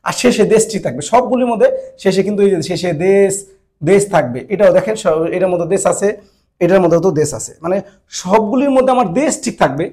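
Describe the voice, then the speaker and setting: A man with a fairly high, light voice teaches a grammar lesson. He repeats each rule several times and keeps checking that his listeners follow. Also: lively intonation, fast, a little mellow. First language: Bengali. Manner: repetitive, checks understanding often. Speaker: Japanese language teacher. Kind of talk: classroom-style grammar lesson.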